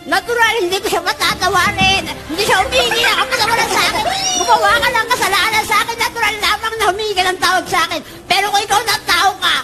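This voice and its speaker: A woman's voice: very high-pitched, steady tone, fast, hardly any pauses, loud music behind the voice, a loud crowd. A woman answering a question with indignant, emphatic speech.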